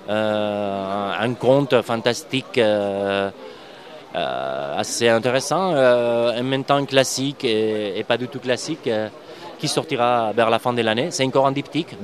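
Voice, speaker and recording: Hesitant comic artist man, lots of fillers. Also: mid-range voice. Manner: hesitant, frequent fillers, apologizes for his speech. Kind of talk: casual interview answers.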